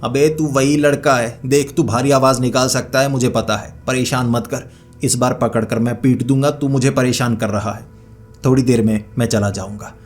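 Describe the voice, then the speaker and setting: A man voicing a rude, gruff young gutkha addict who talks bluntly and threatens people. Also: medium pitch, fairly even intonation, moderate pace, lightly acted. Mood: scoffing. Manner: blunt, rough, bossy.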